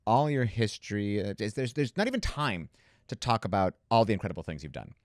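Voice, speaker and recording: A man's voice: lowish voice, expressive, brisk, dry recording, clean studio sound. A man hosting a theatre podcast, chatting with enthusiasm and gushing about the shows. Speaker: podcast host, theatre reviewer. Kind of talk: casual chat.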